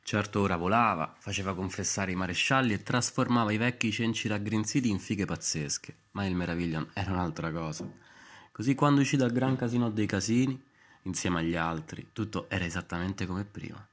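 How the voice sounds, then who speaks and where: Low-voiced wry male storyteller. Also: fairly quick. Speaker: narrator. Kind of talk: storybook narration.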